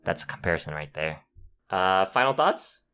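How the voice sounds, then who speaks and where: A man co-hosting a casual podcast, with a slightly nasal voice and a relaxed, hesitant manner full of fillers. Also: deep voice, normal speed, slight background noise. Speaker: podcast co-host.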